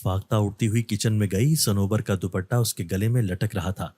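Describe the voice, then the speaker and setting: Low, warm-voiced male storyteller. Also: steady tone, no echo. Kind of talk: scripted narration.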